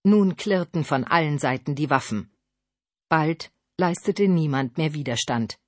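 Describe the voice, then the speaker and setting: Narrator for a historical audiobook, even and measured, recorded dry and close. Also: medium pitch, no echo.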